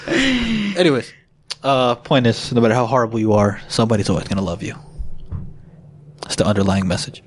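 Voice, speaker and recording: A man's voice: lowish voice, fast. A man co-hosting a casual podcast, rambling, joking and swearing freely. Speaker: podcast co-host. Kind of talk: casual chat.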